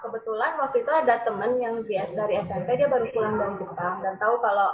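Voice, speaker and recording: A woman's voice: mid-range voice, fast talker. A woman with an Indonesian accent, an interview guest talking in a chatty, colloquial way. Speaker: interview guest, language teacher. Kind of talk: casual recollection. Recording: echoey, dull room with faint chatter.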